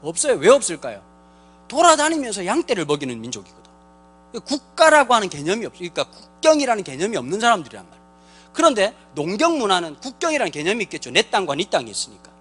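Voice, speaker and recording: Fast, bright-voiced joking pastor. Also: male voice, sits high, wildly swooping pitch, husky. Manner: joking, slangy, quizzes the crowd directly; acts out characters in quick put-on voices. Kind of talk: lively comic sermon to a congregation.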